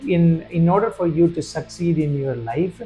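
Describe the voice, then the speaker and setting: A man's voice: on the high side, moderate pace, dark tone, faint music behind, low-quality recording. A man from Sri Lanka, a guest in an interview, speaking earnestly with frequent fillers and restarts. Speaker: guest, festival director and business owner. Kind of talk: conversational interview.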